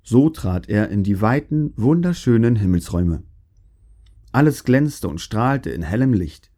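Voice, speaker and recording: A man narrating a fairy tale in a calm, even storytelling manner. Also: lowish voice, measured pace.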